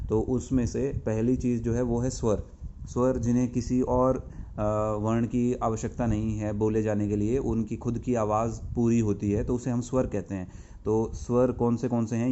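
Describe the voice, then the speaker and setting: Hindi teacher slowly drilling letters for kids. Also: male voice, mid-range voice, dark tone. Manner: slow, carefully sounded-out recitation with firm corrective emphasis. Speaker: school teacher. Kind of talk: recorded online lesson for young children. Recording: dull lo-fi audio with faint noise.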